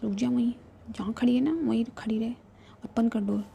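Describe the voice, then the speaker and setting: Whispered role-play: a scolding, possessive young woman played by a woman; dark, gravelly tone. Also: fairly high pitch, fairly even intonation, brisk, slight background noise.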